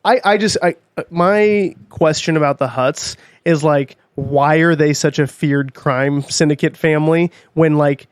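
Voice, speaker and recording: Podcast co-host, male, higher-pitched voice, rambling and profane, dry close recording. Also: measured pace, hardly any pauses, smooth, no room sound. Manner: rambling, swears often, animated asides. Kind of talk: casual chat.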